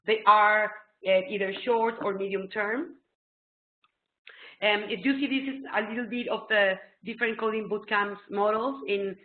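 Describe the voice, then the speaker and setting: A middle-aged Mexican woman with a mid-range voice runs a webinar from a small room, and her Spanish background comes through clearly in her English accent. She explains things with excitement and lots of ums. Captured on a laptop webcam during a video call, the audio sounds tinny, phone-like and echoey.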